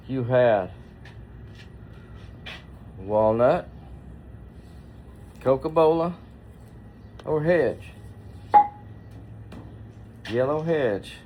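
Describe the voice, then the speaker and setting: A man in his sixties speaking to viewers in a reflective, deliberate monologue, pausing often and posing rhetorical questions. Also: medium pitch, slight background noise. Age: 60s. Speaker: duck hunter and caller, vlogger.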